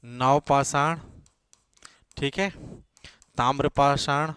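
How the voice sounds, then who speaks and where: A man's voice: medium pitch, steady tone, extremely slow, fairly bright tone, clear, resonant tone, no room sound, studio quality. A male teacher giving a classroom lecture, dictating notes, repeating key words and checking in with his students.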